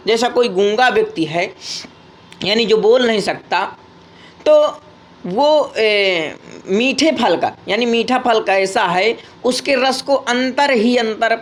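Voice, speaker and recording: A man with a Hindi accent explaining an exam paper as a tutor, reading the questions aloud and chanting the verses in long, drawn-out tones. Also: sits high, fairly bright tone. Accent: Hindi, from north India.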